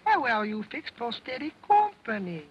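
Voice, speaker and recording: A man's voice: very high-pitched, big pitch swings, moderate pace, a little hiss or hum, voice pushed up. A man voicing a cheeky, wisecracking male ventriloquist dummy who talks back, in early sound film acting. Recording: dull old film soundtrack with music.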